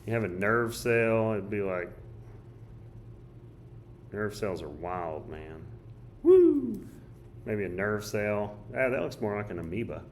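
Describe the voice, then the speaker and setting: Low-voiced hoarse male teacher. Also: a little slow, pauses often, slight background noise. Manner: casual, thinks aloud while drawing and writing. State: hoarse, coughing. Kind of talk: recorded study guide walkthrough.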